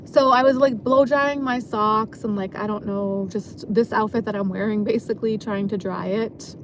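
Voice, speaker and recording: A woman's voice: medium pitch, fairly even intonation, normal speed, a little hiss or hum, rough recording. A woman who works as an exotic dancer, telling a story from her job in a rambling, casual way, full of filler words. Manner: rambling, many filler likes.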